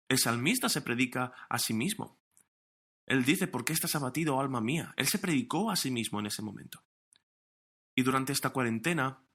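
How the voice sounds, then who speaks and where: An earnest male pastor preaches with emphatic weight, now and then tripping over his words and starting again. His voice sits in an ordinary middle pitch, and he delivers the sermon straight to an audience watching online. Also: fairly bright tone. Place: recorded for online streaming during lockdown.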